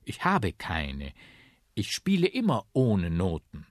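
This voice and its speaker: A man voicing a stout, shy talking bagpipe in a children's radio story, speaking slowly and dryly. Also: deep voice, huge pitch swings, dry recording, clean studio sound, exaggerated voice. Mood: dry, deadpan.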